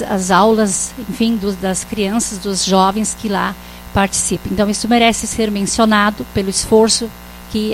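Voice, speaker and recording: A woman with a Brazilian accent, a city councillor giving a formal speech in a council session, often pausing to find her words. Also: mid-range voice, slight background noise, low-quality recording. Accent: Brazilian Portuguese. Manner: formal, halting, with frequent pauses to find words. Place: municipal council chamber.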